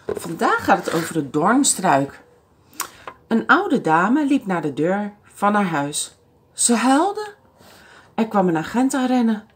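A woman librarian reading a picture book aloud to toddlers in an animated, sing-song way. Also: mid-range voice, unhurried, a little hiss or hum. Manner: animated, sing-song, speaks to small children.

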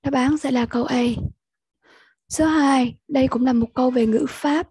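A young woman with a Vietnamese accent walks pupils through an English test at an unhurried pace. Her voice sits high but sounds soft and mellow. It is very husky and breathy, and the recording is close and dry. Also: fairly even intonation, no room sound. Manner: slow, patient, repeats sounds for pupils. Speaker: English teacher. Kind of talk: online lesson walkthrough.

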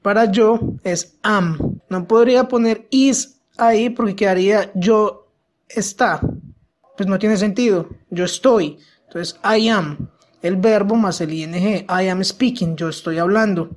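An English teacher with a mid-range voice gives a methodical, step-by-step grammar lesson in Spanish. She slows down to pronounce each English example carefully.

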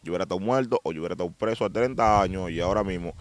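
A young man telling his testimony in a rapid, streetwise way, often asking if he's understood. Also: low voice, dry recording. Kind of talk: casual storytelling testimony.

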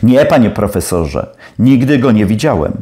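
A man playing a calm, firm young male student who answers politely and steadily. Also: fairly low pitch, normal speed, roomy sound.

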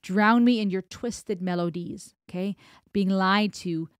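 Wearing headphones in front of a close boom-arm broadcast mic, this music reaction host from Germany, whose first language is German, analyzes a song thoughtfully and emphatically, gesturing with her hands as she explains. She speaks a little slowly in a mid-range voice, and the sound from her small home studio is clean and echo-free.

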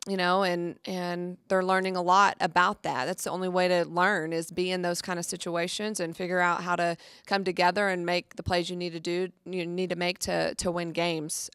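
A woman coach in her thirties speaks into a table mic at a press conference. Her voice sits low and stays level, her answers earnest and full of restarts. The room sound is dry and close. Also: a bit bright, smooth, no room sound. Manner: earnest, many restarts and fillers. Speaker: head basketball coach. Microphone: table mic on stand.

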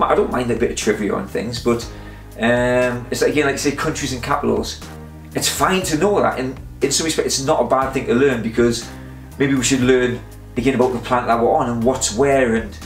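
Chatty, rambling man in an echoey room. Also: medium pitch. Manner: chatty, meandering, self-interrupting with fillers. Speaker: vlogger. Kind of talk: casual rambling talk to camera.

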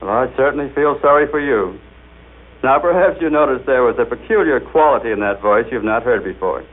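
A man's voice: medium pitch, animated, fairly quick. A man demonstrating a machine in a scripted radio broadcast, talking in a jovial, explanatory way as he coaxes it along. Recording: tinny 1939 radio broadcast recording.

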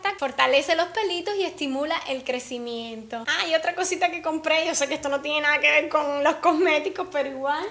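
Chatty high-voiced woman beauty vlogger. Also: fairly bright tone. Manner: chatty and friendly, laughs often, many diminutives. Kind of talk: casual beauty vlog chat.

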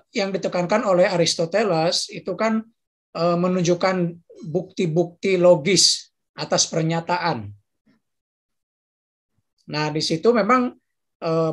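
A lecturer speaking in an easygoing, conversational way to the room. The speaker keeps checking in with tag questions and often breaks off to search for a word. The voice sits in a middle pitch. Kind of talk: informal lecture discussion.

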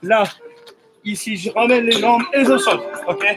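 A middle-aged man coaching a cardio workout with energetic, urging short commands while exerting himself. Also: very high-pitched, a little slow. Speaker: fitness coach leading a workout. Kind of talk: live home cardio workout instruction. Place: outdoors in front of a house. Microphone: camera a few metres away. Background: workout music.

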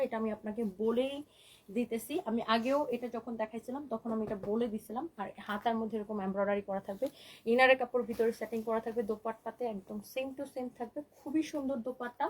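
A woman who owns an online boutique pitches dresses in a live stream and responds to viewer comments. Her high voice has a darkish, slightly rough tone. She keeps up a chatty flow of Bengali mixed with English, often asking "okay?", all captured in a low-quality recording.

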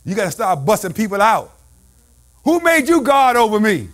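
A male pastor preaching a call-and-response sermon, shouting and slipping into a sing-song cadence. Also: high voice, sing-song, moderate pace.

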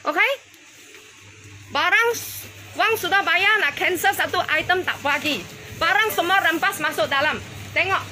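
An older woman with a high, bright voice films a complaint as a customer inside a small convenience store. In a heated confrontation, she accuses, repeating pointed questions at a measured pace with frequent pauses, over slight background noise.

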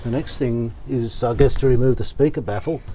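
An Australian radio restorer who hosts a channel narrates casually as he works on an outdoor garden verandah. He's calm and unhurried, thinking aloud in plain speech with fillers, at a medium pitch over a little hiss or hum.

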